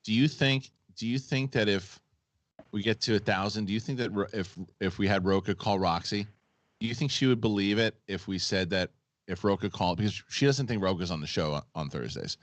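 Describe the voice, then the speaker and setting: A man's voice: fairly low pitch, brisk, no room sound. A man hosting a casual live stream, explaining things and often repeating his phrases. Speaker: live show host.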